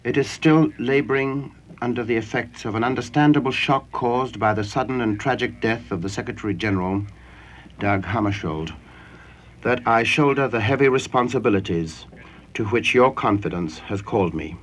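A man interpreting a formal speech as a translation voice-over, speaking in a formal, measured way. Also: mid-range voice. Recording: noisy 1960s radio broadcast recording.

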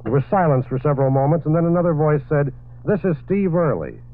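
Man, 1940s radio news reporter, old radio broadcast, tinny narrow sound, steady reading. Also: fairly high pitch, fast talker. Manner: steady reading with occasional fillers.

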